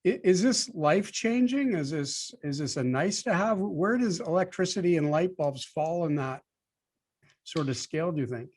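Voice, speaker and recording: A man's voice: on the high side, animated, moderate pace, darkish tone. A man hosting a podcast, asking conversational questions with some hesitation. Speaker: podcast host. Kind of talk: interview questions.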